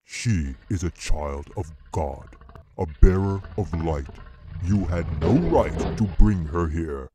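A man voicing a huge, noble male bear king who speaks slowly and solemnly in a deep rumbling voice. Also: noisy background. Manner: slow, solemn, commanding.

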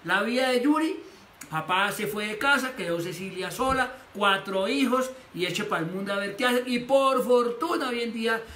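A man's voice: very high voice, normal speed, sharp tone. A man preaching a sermon as pastor, animatedly acting out the voices he quotes. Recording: echoey room with faint noise.

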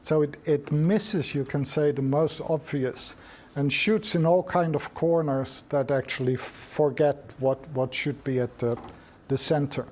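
A middle-aged man giving a reflective seminar talk, thinking aloud with frequent restarts and pauses. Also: fairly high pitch, darkish tone. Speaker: lecturer.

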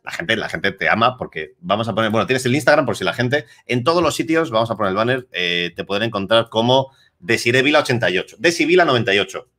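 A man hosting an interview, talking in a lively, slangy, rambling way. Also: on the low side, quick pace. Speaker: interviewer host. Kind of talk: casual chat.

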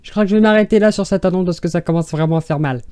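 Youtuber roasting dumb online ads, fed-up and sarcastic, keeps restarting sentences, warm mellow voice, dead dry close mic. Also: medium pitch, very fast, clear, resonant tone, dry recording. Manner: exasperated, sarcastic, rambling with restarts. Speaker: YouTuber reviewing classified ads. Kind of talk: mocking commentary on screenshots.

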